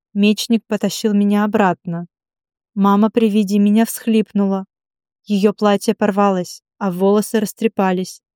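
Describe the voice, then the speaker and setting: A woman reading a novel in the first person as an audiobook, steady and even. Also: mid-range voice, clear, resonant tone, no echo, studio quality. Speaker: audiobook narrator.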